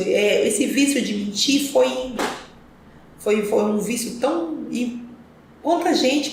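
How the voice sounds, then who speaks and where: A woman, a podcast interview guest telling her life story in an earnest, reflective, rambling way. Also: a little high. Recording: echoey room with faint ambient noise.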